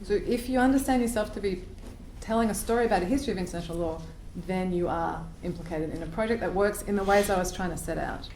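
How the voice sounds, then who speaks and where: A woman's voice: medium pitch, quick pace, darkish tone. A woman speaking as a panelist in an academic discussion, thoughtful and wry, arguing through rhetorical questions. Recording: echoey hall with faint noise.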